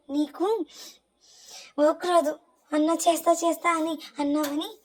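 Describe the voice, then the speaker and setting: A woman voicing an angry young man who scolds a coworker sharply and fast. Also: high-pitched, darkish tone, pitched above the performer's own voice.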